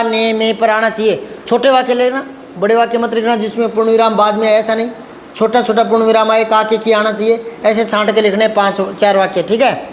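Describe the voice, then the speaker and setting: Male teacher, very high voice, patient classroom explaining, light background hiss. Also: reverberant. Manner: patient, repetitive, addresses students as beta, asks checking questions. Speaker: Hindi teacher. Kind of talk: classroom lesson explaining grammar to students.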